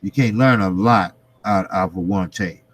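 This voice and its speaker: A man hosting a casual boxing commentary for live viewers, speaking informally with slang and repeating his phrases for emphasis. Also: deep voice. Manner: repetitive, emphatic phrasing with trailing pauses; informal, slangy, occasional swearing. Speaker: boxing vlogger, host.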